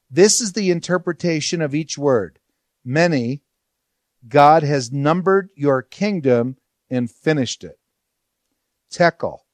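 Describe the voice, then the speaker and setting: Slow, dry-voiced male Bible teacher. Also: mid-range voice, no room sound. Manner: conversational, explanatory, asks rhetorical questions.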